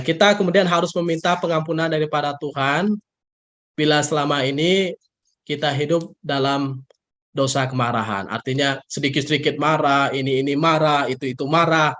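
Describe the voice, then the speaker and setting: A male pastor giving an animated sermon, his voice often jumping up high for emphasis and when he quotes other people. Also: moderate pace. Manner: acts out the people he quotes in a raised voice.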